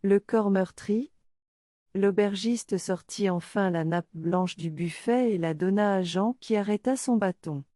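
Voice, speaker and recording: Slow, mellow woman narrating a storybook. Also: medium pitch, no echo, clean studio sound.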